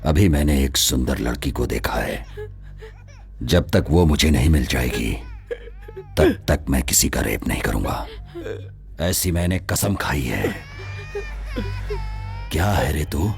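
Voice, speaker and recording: A deep-voiced gloating gangster boss. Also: male voice, lively intonation, takes it slowly, vocal fry, long pauses, exaggerated voice. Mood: menacing. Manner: gloating, threatening. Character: menacing gangster boss, cruel and boastful. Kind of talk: Hindi dubbed action film. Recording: film dub with background music.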